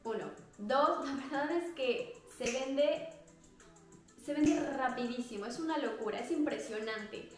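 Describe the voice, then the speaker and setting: Her voice is high and unhurried, with faint music behind it. A young woman with a Mexican Spanish accent, she chats casually about activewear for her vlog, laughing often and gesturing bubbly. The lapel-mic recording comes from a very echoey small room at home.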